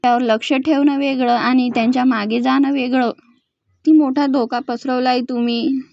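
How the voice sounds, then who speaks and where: Caring young woman pleading, read by a woman, bright high voice, dull recording. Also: steady tone, moderate pace, gravelly, no echo.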